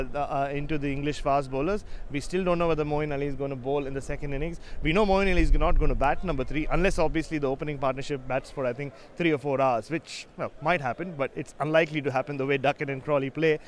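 A man's voice: fairly high pitch, slight background noise. A man giving chatty, conversational analysis of a cricket match as a pundit, musing at length.

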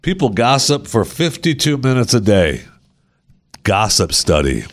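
A man's voice: mid-range voice, big pitch swings, measured pace. A man co-hosting a casual chat show, reading odd news stories aloud, laughing often and putting on mocking voices.

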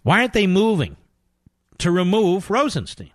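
A man hosting a talk radio show, speaking forcefully and asking indignant rhetorical questions. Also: high voice, wildly swooping pitch, moderate pace, no room sound, clean studio sound. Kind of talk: talk radio monologue and call-in.

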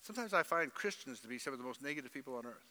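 A man's voice: mid-range voice, lively intonation, very fast, sharp tone, long reverb tail. A middle-aged man preaching a sermon in a church, emphatic, with mimicked voices. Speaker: pastor.

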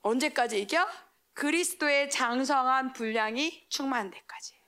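A woman delivers a sermon in a smooth, high voice at a moderate pace. She quizzes the congregation and supplies the answers herself, moving from loud exclamations to quiet asides.

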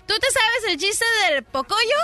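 A woman's voice: extremely high pitch, sing-song, measured pace, bright, forceful tone, soft background music. A woman trading a playful, teasing joke with the host on a radio show.

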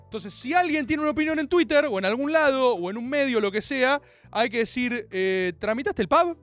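Rioplatense male host, high lively voice, theatrical slangy rant, faint music behind. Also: brisk. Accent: Rioplatense Spanish. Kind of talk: comic monologue.

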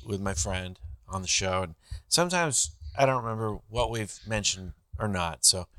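A man's voice: on the low side, normal speed, sharp tone, no echo. A man hosting a comedy podcast, riffing playfully on absurd bits in casual banter from a hotel room. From California. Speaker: podcast host.

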